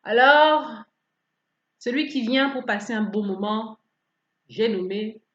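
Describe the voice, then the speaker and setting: A woman preaching a sermon in an animated way, asking rhetorical questions and acting out people's attitudes. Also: fairly high pitch, slow. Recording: roomy, slightly dull recording.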